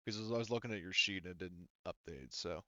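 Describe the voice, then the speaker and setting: Pushed and bright, this low-pitched male voice belongs to a game master casually laying out tabletop rules, stopping and fixing his explanations along the way. There's no echo, though the audio sounds dull.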